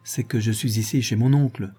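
A man's voice: mid-range voice, fairly even intonation, fairly quick, mellow, slightly rough, natural voice. A man playing a spoiled young suitor. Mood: coaxing.

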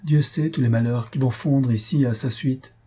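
Calm clever young woman read by a man, husky dark voice, storybook. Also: medium pitch, moderate pace, voice pushed up, natural voice. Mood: composed. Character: quick-witted young woman, composed.

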